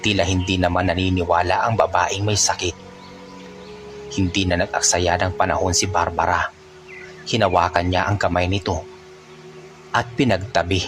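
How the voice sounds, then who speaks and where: Deep-voiced male storyteller over faint music. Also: level tone, normal speed, long pauses. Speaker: narrator. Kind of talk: storytelling narration.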